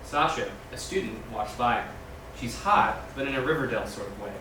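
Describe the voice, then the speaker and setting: In a large, echoing room, a man far from the mic reads a screenplay's scene directions aloud as narration at a table read. His mid-range voice is expressive and brisk. The distant recording picks up echo and room noise.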